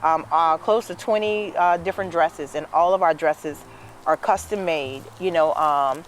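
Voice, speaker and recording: A woman of about fifty speaks in a low voice at a measured pace, with soft music playing behind her. She's a guest on a casual interview, a dress business owner telling her story and saying "you know" a lot.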